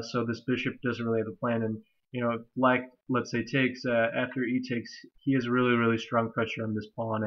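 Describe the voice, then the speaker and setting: A young man with a nasal, stuffy voice from allergies, casually walking through a chess game with many fillers and restarts. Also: medium pitch. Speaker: chess commentator. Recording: slightly dull lo-fi recording.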